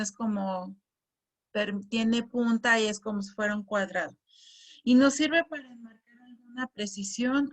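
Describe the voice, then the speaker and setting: A woman teacher patiently explaining a lesson, often repeating words and reading example sentences aloud with exaggerated intonation. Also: on the high side. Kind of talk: slow explanatory lesson on punctuation.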